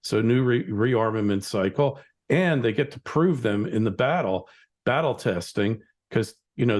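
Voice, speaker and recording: A man's voice: on the low side, a little mellow. A middle-aged American man hosting an interview podcast, chatting in a rambling, opinionated way. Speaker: podcast host. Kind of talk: conversational interview.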